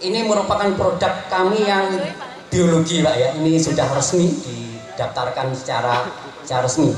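Middle-aged man, plain product explainer, booming PA echo, music behind. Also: moderate pace, far from the mic. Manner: explanatory, addresses farmers directly. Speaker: product presenter. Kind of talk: product explanation at a farm launch. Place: outdoor tent event in a village. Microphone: handheld mic through loudspeakers.

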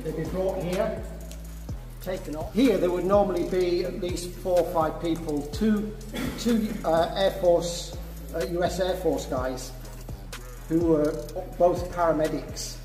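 A middle-aged man explains things as a cave tour guide in a slightly high voice. The cave echo rings around his halting phrases, and music plays behind him. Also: warm tone. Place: inside a large cave. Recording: echoey cave, music over the voice.

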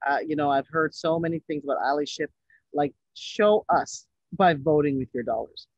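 Man, fairly high voice, emphatic and repetitive, on a dull dry video call. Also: moderate pace, dry recording. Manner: emphatic, repeating a slogan. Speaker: filmmaker guest. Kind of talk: casual conversation.

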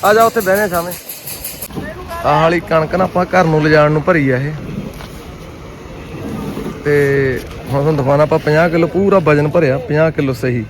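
A man's voice: fairly high pitch, normal speed, long pauses. A man with a Punjabi accent, a farmer narrating a casual vlog outdoors and chatting with those around him. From Punjab, India. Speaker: farmer and vlogger. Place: outdoors at a grain market. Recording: outdoor recording with loud engine noise. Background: loud vehicle engines and outdoor ambience.

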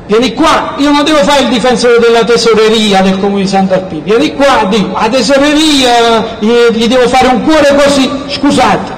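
Speaking through an amplified mic on a stand in an outdoor town square, a middle-aged Campanian politician delivers an insistent political speech in a southern Italian accent, hammering on repeated key words. His pitch is extremely high, his speed normal and he barely pauses. The PA recording is rough, with background noise.

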